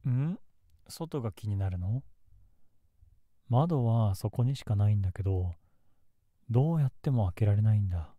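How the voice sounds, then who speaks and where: ASMR role-play casting: male actor as tender lovelorn young man, lowish and very dark-toned, soft, intimate, dry close recording. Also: animated, moderate pace, pauses often, no room sound. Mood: gentle, musing. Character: gentle, melancholy young man secretly in love. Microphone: close ASMR microphone in a dry space.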